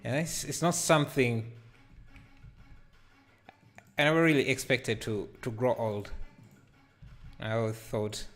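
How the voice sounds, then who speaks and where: Man in his thirties, slow-paced, hesitant, many fillers, casual live tutorial, faint music behind. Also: medium pitch, fairly bright tone. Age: 30s. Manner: hesitant, many fillers, thinking aloud while working. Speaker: livestreaming 3D artist. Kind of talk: casual live tutorial, reading chat aloud. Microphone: headset microphone.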